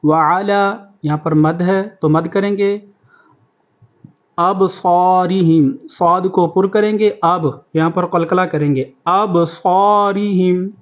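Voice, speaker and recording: A man teaching Quran recitation, who recites verses slowly and in a drawn-out way, then explains the pronunciation rules quickly. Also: sits high, dull audio. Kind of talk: tajweed lesson, recitation with explanation.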